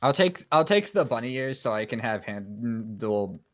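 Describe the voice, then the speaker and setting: Joking man with a lively voice. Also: mid-range voice, no room sound. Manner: joking, goofy, quick to laugh at himself. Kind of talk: casual chat game on a stream.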